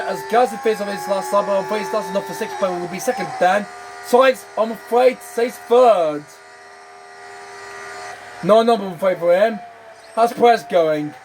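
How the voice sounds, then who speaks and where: A man hosting a gaming channel comments on a racing management game while losing his voice, repeatedly saying "then" and "I'm afraid." His voice sits high, and there's background noise.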